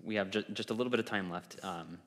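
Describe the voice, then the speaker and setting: Low-voiced male church host. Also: quick pace, long reverb tail. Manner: relaxed, asks questions, reads quotes. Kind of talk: casual church podcast interview.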